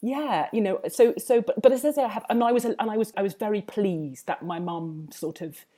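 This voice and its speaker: A food writer from Hertfordshire, England, with a southern English Home Counties accent, speaks as an interview guest in a warm, medium-pitched voice at a moderate pace. Her talk is reflective and discursive, and she keeps circling back over her phrases with repeated hedges.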